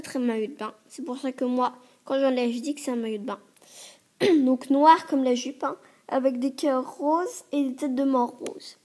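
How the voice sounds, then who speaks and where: Hoarse chatty woman, fairly high voice. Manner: chatty and hesitant, many fillers and self-corrections; coughs and clears her throat often. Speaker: doll reviewer. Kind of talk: casual show-and-tell video review. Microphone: tablet mic.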